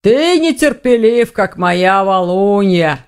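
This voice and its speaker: A woman voicing a gruff old male orc armorer in an audiobook, slow and grumbling with a hoarse low voice. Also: expressive. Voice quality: hoarse bass. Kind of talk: audiobook reading.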